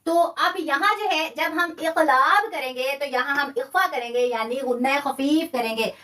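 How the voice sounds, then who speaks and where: High-voiced woman teaching tajweed live. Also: moderate pace, pushed and bright. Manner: patient, repeats key terms, draws out sounds in examples; mixes English words into explanation. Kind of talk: live-streamed online lesson.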